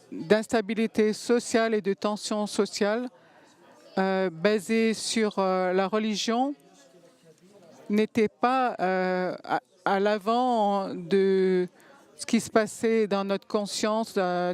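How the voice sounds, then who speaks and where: A woman giving a simultaneous interpretation of a panel talk, halting and pausing to find words. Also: mid-range voice, a little mellow, clean tone.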